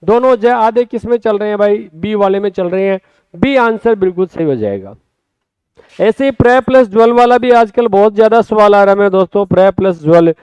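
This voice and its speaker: A man with a Rajasthani Hindi accent runs an exam-prep lesson in a high, smooth, resonant voice. He talks in a lively way, drawing out words and calling his students friends. The sound is dry and close, with no room echo. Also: normal speed. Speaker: Hindi exam coaching teacher. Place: classroom or studio.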